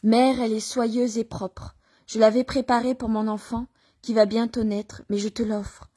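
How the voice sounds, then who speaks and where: A woman voicing a generous male shepherd who warmly offers his fleece for the baby. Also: fairly high pitch, flat delivery, moderate pace, natural voice. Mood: earnest.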